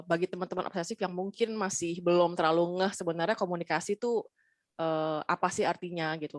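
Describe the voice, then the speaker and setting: A woman's voice: lowish voice, no room sound. A woman hosting a casual interview, affirming her guest and mixing English phrases into her questions. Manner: friendly, affirming, fillers, mixes English phrases. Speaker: podcast host.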